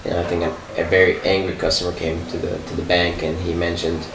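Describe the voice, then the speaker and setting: A man with a very deep, low voice tells his story slowly and haltingly, stopping often for "um" and "uh". He sounds set back from the mic, with the room's echo around him and steady background noise. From Sudan. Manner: hesitant, many fillers and restarts. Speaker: interviewee. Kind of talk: personal recollection, casual storytelling. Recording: echoey room, mic far off, noisy.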